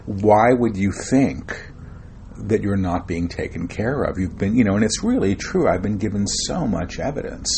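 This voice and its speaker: A middle-aged spiritual channeler and author, interviewed as a guest, rambles about his spiritual work with frequent fillers and restarts, describing himself as shy and reserved. His lowish voice is expressive, gravelly and a little mellow, at normal speed. The conversation has slight background noise.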